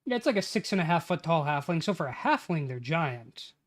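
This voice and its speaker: A man in his late twenties, with a fairly high, sing-song voice and a fairly quick pace, is on a casual livestream writing a tabletop campaign. He mutters lines aloud as he types them, then falls into relaxed banter with friends, swearing freely.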